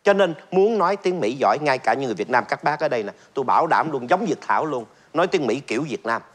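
A man's voice: mid-range voice, expressive, fast talker. A middle-aged man, hosting a talk show in a chatty, joking way full of fillers and repeats. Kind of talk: casual stand-up style monologue.

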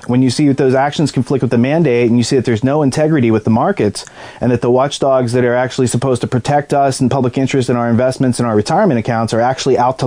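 Speaking as a whistleblower in an interview, a mellow-voiced man at a mid-range pitch offers lengthy, sincere replies. He frequently breaks off and starts his sentences over, stringing together long run-on explanations.

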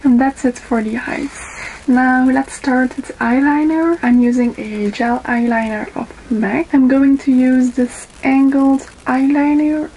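This young Dutch-accented vlogger, whose first language is Dutch, takes her time demonstrating makeup into a webcam in her small bedroom, filling pauses with ums. She's in her twenties, with a high-pitched, steady, mellow voice; soft music plays behind her and the audio quality is low.

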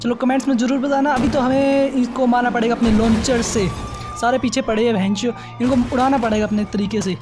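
A man hosting casual mobile gameplay commentary, chatty and excited, exclaiming at what happens on screen. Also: very high voice, fast, music in the background. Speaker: mobile gaming channel host. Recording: game sounds under the voice.

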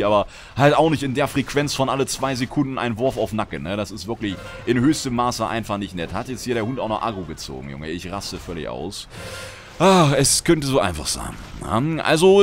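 A man from Germany chatting casually while streaming a game, reading out chat messages and swinging between grumbling and excited outbursts. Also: mid-range voice, slight background noise. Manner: reads out chat messages and answers viewers. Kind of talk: casual livestream gameplay chat.

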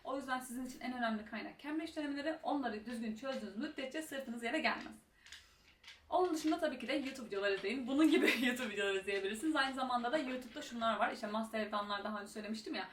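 A young woman giving casual exam-speaking tips as a tutor, talking fast and chatty with many fillers. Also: a little high, fairly bright tone. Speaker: IELTS tutor and YouTuber. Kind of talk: casual advice vlog. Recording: roomy echo, mic at a distance, faint room noise.

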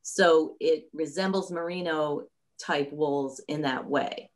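A woman running a yarn business, explaining things in a casual chat over a video call, slow and thoughtful, with many pauses and restarts. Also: low voice. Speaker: yarn company owner hosting a subscription chat.

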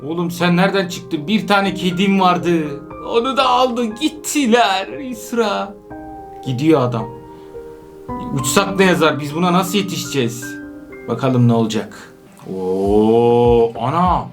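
An adult parent doing excitable gameplay commentary while playing with their daughter, laughing and calling out often. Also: mid-range voice, measured pace, soft background music. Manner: animated, laughing, frequent outbursts. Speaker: let's-play gamer playing with their daughter.

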